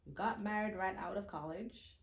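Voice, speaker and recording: A woman's voice: medium pitch, normal speed. A woman hosting a casual interview, recapping her guest's story and checking details with "right?". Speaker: interview host. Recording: echoey room with faint ambient noise.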